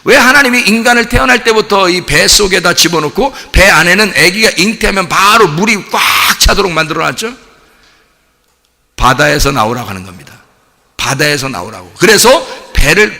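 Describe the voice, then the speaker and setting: A man preaching in a church, his voice echoing through the hall with a long tail of reverb. He sounds bright and high, and his pitch rises and falls a lot. He keeps turning to the congregation with playful questions, then answers them himself. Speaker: pastor. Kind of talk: sermon.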